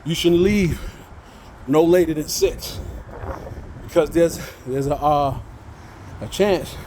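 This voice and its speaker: A man's voice: fairly high pitch, slow pace, dark tone, a little hiss or hum. A man talking casually on a walking vlog at a train station, preachy and encouraging, a little out of breath, into a phone he holds. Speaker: vlogger.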